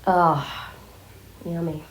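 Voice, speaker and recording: A woman's voice: lowish voice, fairly even intonation, drawn-out words. A woman talking casually in a rambling, informal vlog style while fighting a cold and a scratchy sore throat. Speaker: vlogger addressing viewers. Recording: echoey room.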